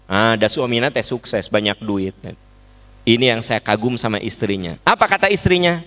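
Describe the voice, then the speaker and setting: A male preacher with a Sundanese accent gives a religious lecture in an animated, conversational way. His voice swings from hushed to raised as he acts out everyday dialogue. He keeps his listeners engaged with frequent rhetorical questions and colloquial asides. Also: on the low side, normal speed. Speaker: Islamic preacher.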